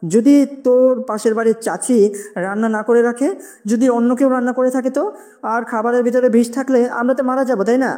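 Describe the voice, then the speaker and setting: Narrator plays an anxious old village dad in a horror tale: fretful, scolding, pitched up. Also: fairly even intonation, a little fast, a little mellow, natural voice. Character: worried old village farmer father.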